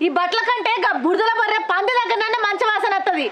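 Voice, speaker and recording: A woman's voice: very high voice, fast, heavy background noise. An actress with a Telangana accent playing a village wife who scolds her husband with earthy insults, in a comic short film. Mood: scolding. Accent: Telangana Telugu. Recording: loud background music.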